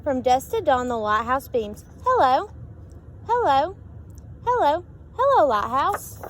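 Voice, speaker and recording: A high-pitched woman reads a children's picture book aloud at a slow pace, full of expression, with sing-song repetitions and questions for her listeners. She's a storybook reader, and steady background noise runs under the recording.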